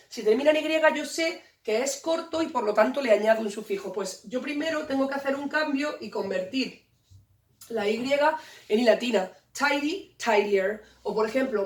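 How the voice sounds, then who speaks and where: Woman teacher, roomy and distant. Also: high-pitched. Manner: patient, repeats key points, asks and answers own questions. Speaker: English teacher. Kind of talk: explaining grammar at a whiteboard. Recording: roomy sound from off the mic.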